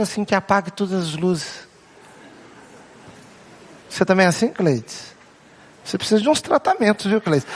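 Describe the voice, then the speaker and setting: Man, brazilian portuguese accent, pastor, humorous sermon, a bit high-pitched, questions the crowd. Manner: playful, acts out family voices and jokes with the crowd; asks the congregation questions and repeats key phrases.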